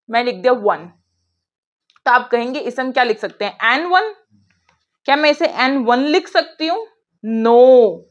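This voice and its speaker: A young woman teaching an online grammar class, chatty, asking her pupils questions and answering them herself. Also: on the high side. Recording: dull lo-fi sound.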